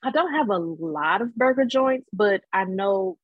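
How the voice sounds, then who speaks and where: Relaxed woman, dull dry sound. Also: medium pitch, a little slow, no echo. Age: 30s. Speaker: podcast guest. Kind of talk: casual chat.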